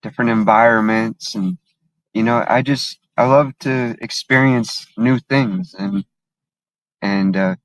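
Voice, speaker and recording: A man with a fairly low voice talks as a guest, earnest and unhurried, often pausing to reflect. The sound is dry and close-miked. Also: fairly even intonation, dry recording, poor audio. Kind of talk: casual conversation.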